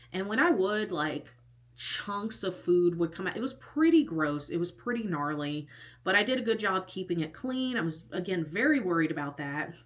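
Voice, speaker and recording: Here a woman in her thirties, a storytime vlogger, shares something personal in a medium-pitched, slightly bright voice. It's a loose, chatty ramble packed with "like" and dotted with whispered asides.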